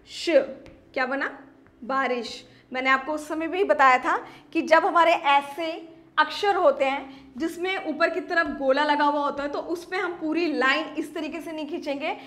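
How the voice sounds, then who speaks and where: A woman with a high, light voice teaches young children in an online phonics lesson. She sounds out words slowly, syllable by syllable. She keeps checking in with the class in a patient way. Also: a bit bright. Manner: slow syllable-by-syllable sounding out, repeats "ठीक है"; patient, addresses children as "बेटा".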